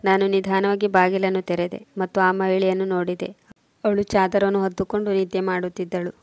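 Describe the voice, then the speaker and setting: A woman narrating a first-person family story in a steady, measured reading voice. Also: mid-range voice, no room sound.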